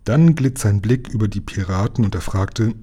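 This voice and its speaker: A man reading a children's book aloud in a calm, measured storytelling manner. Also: lowish voice, breathy edge. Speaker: reader.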